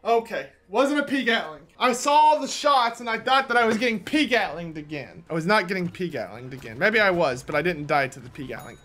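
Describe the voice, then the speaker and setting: A man giving casual, jokey commentary on his own gameplay, often breaking into loud yells at opponents. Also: high voice. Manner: excitable, yells at opponents, jokey self-talk. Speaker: gaming video host.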